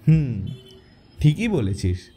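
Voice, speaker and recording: A man's voice: on the high side, big pitch swings, slow pace, dark tone, a little hiss or hum. An actor playing a playful, teasing young man among friends in an audio drama.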